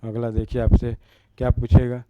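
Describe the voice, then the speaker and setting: A man's voice: mid-range voice, monotone, normal speed, dull audio, noisy background. A man teaching an exam-prep grammar lesson, repeating each word and asking rhetorical questions as he writes.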